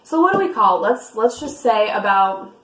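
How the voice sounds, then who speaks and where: A young woman with a raspy voice, chatting earnestly and encouragingly as a vlog co-host. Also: medium pitch, sing-song, normal speed, fairly bright tone, echoey room, poor audio. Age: young adult. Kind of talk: casual chat.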